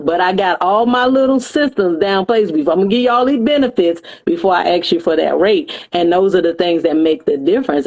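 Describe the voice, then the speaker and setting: Woman, lowish voice, animated podcast guest talking shop. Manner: animated, acts out broker calls. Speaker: dispatcher guest. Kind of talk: podcast interview chat.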